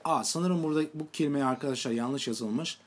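Man, English teacher, slow deliberate example sentences, repeats each form. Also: medium pitch. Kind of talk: language lesson, explaining in Turkish.

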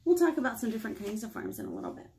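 Leading a picture-book storytime for small children in a small indoor room with a whiteboard, an American woman in her thirties is playful and expressive and asks them questions. Her fairly high voice moves very fast, with a little hiss or hum.

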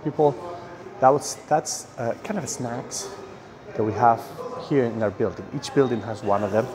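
Touring the food halls, this middle-aged vlogger from Spain talks in a mid-range voice at a moderate pace, excitable and full of fillers. He films the indoor cafeteria and dining hall on a phone at arm's length. Crowd noise fills the noisy recording.

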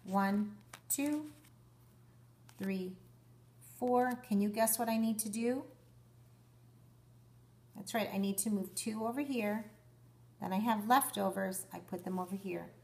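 A woman's voice: mid-range voice, moderate pace, creaky, long pauses. A woman giving an instructional demonstration for young children as a primary school teacher, explaining in simple steps with guiding questions.

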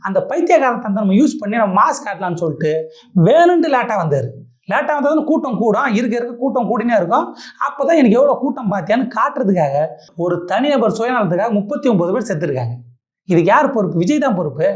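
Fast, heated woman ranting. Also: on the high side, darkish tone. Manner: heated, indignant, rhetorical questions. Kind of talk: angry political rant.

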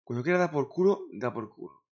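Grumbling streamer, lo-fi sound. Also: male voice, fairly high pitch, animated, brisk, darkish tone. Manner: grumbling, swears often, talks to himself. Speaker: gaming streamer. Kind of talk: casual streaming chatter. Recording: dull lo-fi sound.

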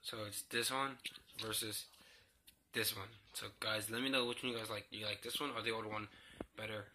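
In a sharp, level voice on the low side, delivered at a moderate pace, a young adult vlogger chats in a subdued, faltering, meandering way. The theme park ride worker is stuck in his small bedroom with a sore throat and a cold sore on his lip. A phone or laptop at arm's length captures it, with faint noise typical of a handheld home recording.

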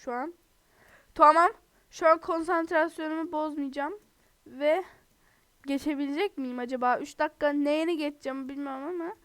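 Young woman, high-pitched, dry close sound, giggly gameplay chatter, sounds a bit sick. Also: normal speed, fairly bright tone, no echo. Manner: chatty, giggly, talks to viewers. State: sick, under the weather. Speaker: gaming video host. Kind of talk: casual gameplay commentary.

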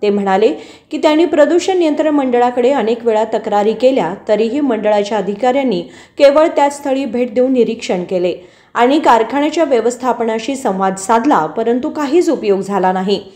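A woman narrating a scripted news report in a steady, formal reading voice. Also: fairly high pitch, moderate pace, reverberant.

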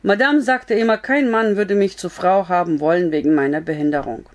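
A woman's voice: lowish voice, fairly quick, lightly acted. A woman reading a story aloud, voicing a timid, tearful young girl in a pleading, strained voice.

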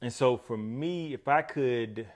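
A man's voice: mid-range voice, slow pace. Laid-back man chatting with "bro". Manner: relaxed, slangy, says "bro" a lot. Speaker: podcast co-host. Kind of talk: casual chat.

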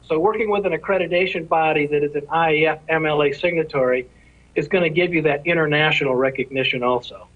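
A man interviewed as an industry executive, giving measured, careful answers that lay out points in order. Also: a little high. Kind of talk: formal explanatory answers. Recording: tinny phone line.

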